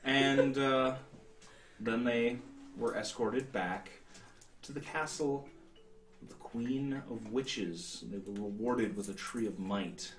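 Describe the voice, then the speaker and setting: A man's voice: medium pitch, takes it slowly, slight background noise. A man in his thirties narrating a tabletop role-playing game as game master, explaining things somewhat hesitantly. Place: indoor room, seated at a table. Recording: roomy sound, distant mic.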